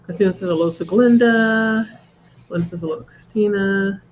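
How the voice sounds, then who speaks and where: This woman speaks at medium pitch and normal speed with a darkish tone, her voice congested from a cold. She's at home hosting a reading livestream, chatting casually and laughing at her own jokes. The lo-fi sound has a little hiss or hum.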